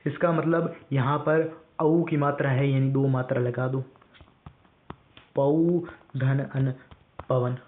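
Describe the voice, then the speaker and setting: Male teacher, strained voice, slow and repetitive call-and-response drilling, phone-quality tinny audio. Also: mid-range voice, fairly even intonation. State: strained, weak voice. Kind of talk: online classroom lesson.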